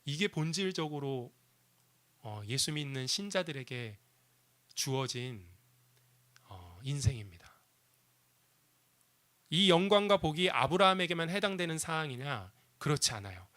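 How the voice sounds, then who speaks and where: A male pastor delivering a sermon in a high, animated voice that swoops up and down. His tone is bright and forceful, and he keeps asking the congregation questions and pressing his points harder as he goes. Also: normal speed, clean tone. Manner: preaching with rising emphasis and direct questions to the congregation.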